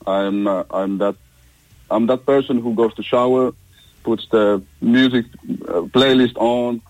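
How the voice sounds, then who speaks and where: A young man from Finland, a relaxed guest talking casually over a phone call, with hesitant restarts. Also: medium pitch, a little slow, no room sound.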